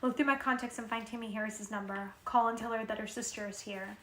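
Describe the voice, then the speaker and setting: A woman's voice: fairly high pitch, fairly even intonation, fast, a bit bright, slight background noise, lightly acted. A woman reading aloud and voicing a caring, firm working mother at a clinic, affectionate but scolding. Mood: soothing. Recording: roomy echo.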